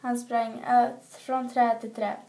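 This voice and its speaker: A woman's voice: fairly high pitch, flat delivery, mellow. A woman reading a children's picture book aloud, stumbling and restarting words often. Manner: halting, frequent stumbles and restarts. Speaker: reader.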